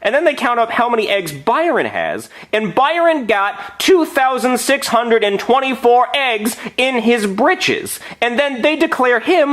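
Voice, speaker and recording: A man's voice: very high voice, very animated, a little slow, hardly any pauses, fairly bright tone, pitched above the performer's own voice, exaggerated voice. A man voicing a hotheaded Brooklyn guy telling comic stories in a put-on New York accent. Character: brash adult male Brooklyn storyteller, hotheaded. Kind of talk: comedic storytelling.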